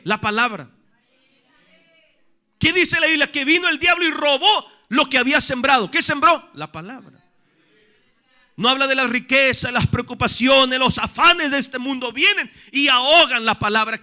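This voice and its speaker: A man preaching a sermon as pastor. He asks rhetorical questions, calls his listeners brother, and swings between loud emphatic lines and low, quiet ones.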